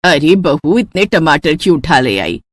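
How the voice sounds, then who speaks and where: महिला द्वारा ताने मारती बुज़ुर्ग सास. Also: female voice, sits low, big pitch swings, unhurried, a little hiss or hum, pitched below the performer's own voice. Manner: complaining, dramatic. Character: scolding elderly mother-in-law.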